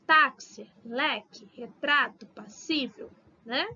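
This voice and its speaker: A Brazilian woman teacher giving a recorded online lesson, slowly drawing out syllables and repeating example words. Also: high voice, pushed and bright, husky, muffled recording. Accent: Brazilian Portuguese.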